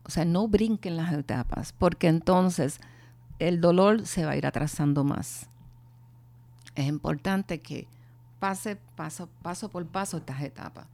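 A middle-aged woman speaking earnestly and from the heart, telling her own story of grief with pauses and restarts. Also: lowish voice, gravelly, warm tone. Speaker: bereaved mother sharing her testimony. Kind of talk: personal testimony and talk on grief.

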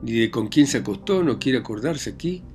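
A man's voice: medium pitch, expressive, brisk, faint music behind, natural voice. A man reading aloud plays a stern, bullying village magistrate who interrogates and barks orders. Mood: interrogating. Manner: interrogating, commanding, shouting.

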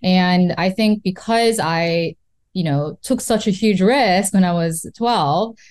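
Appearing as an interview guest, a real estate investor from South Korea in her thirties talks in a relaxed, chatty way, often ending points with "right?" and using "you know". Her voice is lowish and somewhat dark, and she takes her time.

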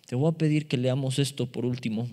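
A man preaching a sermon as pastor, animated and acting out dialogue in shifting voices. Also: medium pitch, fairly quick. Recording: long reverb of a hall.

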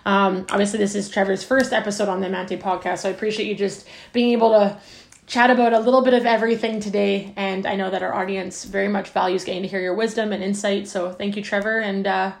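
Chatty woman podcast host with gravelly edge. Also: mid-range voice, steady tone, quick pace. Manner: chatty and effusive, many fillers. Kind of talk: casual interview chat. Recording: roomy echo.

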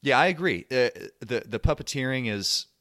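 A man's voice: mid-range voice, lively intonation, normal speed, pushed and bright, no echo, clean studio sound. A man hosting a podcast in casual chat, riffing and joking. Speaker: podcast host.

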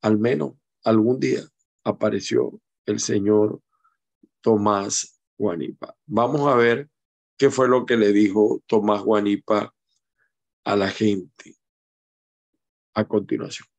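Slow, wry male political commentator. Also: lowish voice, steady tone, vocal fry. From Venezuela. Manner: slow, digressive, wry asides. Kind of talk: commentary on a news clip.

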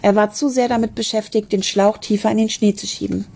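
A woman's voice: medium pitch, a little fast, creaky, husky. Woman reading a children's story aloud. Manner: expressive, with small slips and restarts. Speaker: narrator.

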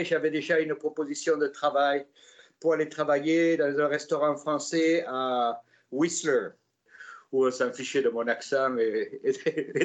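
A man in his sixties from southwest France tells his story with a Gascon accent. His voice sits fairly high and he talks in a relaxed, hesitant way, pausing often. The recording sounds slightly dull and muffled. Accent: Gascon French. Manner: relaxed, hesitant with many "euh" fillers. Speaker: interview guest. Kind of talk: casual storytelling.

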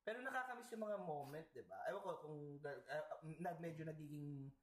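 A man's voice: a little high, lively intonation, fairly quick. A man from the Philippines co-hosting a podcast, telling stories in a playful, sassy, self-mocking way. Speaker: podcast co-host. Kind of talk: casual storytelling chat. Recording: echoey room.

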